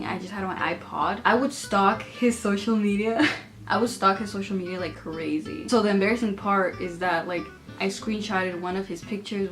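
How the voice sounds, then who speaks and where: A young adult woman tells stories to camera in a loose, chatty way, often breaking into laughter. Her voice sits at an ordinary middle pitch for a woman. Faint music plays quietly behind her. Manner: giggly, laughs through her stories, many filler "like"s. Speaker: vlogger. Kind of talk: casual storytelling to camera.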